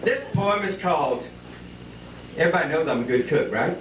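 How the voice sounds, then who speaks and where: A man's voice: on the high side, expressive, a little fast. A man with a cowboy drawl, hosting and reciting folksy comic verse at a live event. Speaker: event host and cowboy poet. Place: live benefit event before an audience. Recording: distant, echoey, muffled live hall with noise.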